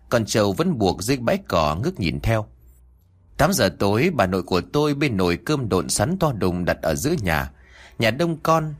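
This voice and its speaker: A man narrating a rural ghost story in an expressive, dramatic storytelling manner. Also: fairly low pitch.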